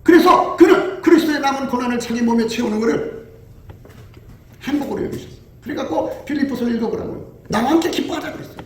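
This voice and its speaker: High-voiced Korean pastor preaching in echoey hall. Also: male voice, fast. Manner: animated preaching with laughs and quoted dialogue. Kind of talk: sermon. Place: church hall. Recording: echoey hall from far off with faint noise.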